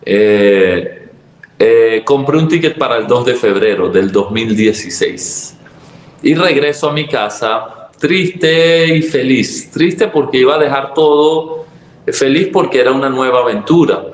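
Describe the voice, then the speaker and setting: A Venezuelan man, a pastor, recounts his own testimony in a conversational way. His Venezuelan Spanish accent shows, his voice sits at a middle pitch, and he acts out other people's lines with sudden leaps in pitch. The recording has a noticeable room echo. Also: a little slow. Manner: lively storyteller who acts out dialogue with sudden jumps in pitch. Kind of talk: telling a personal testimony in a conversation. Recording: roomy echo.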